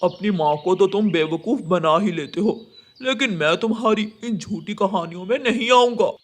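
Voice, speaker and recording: A henpecked yet bossy crow father in a cartoon, forever grumbling and snapping at his family. The voice sits high for a man. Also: moderate pace. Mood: scolding. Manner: scolding, irritable, sarcastic. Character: grumpy scolding male crow father. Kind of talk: cartoon voice acting.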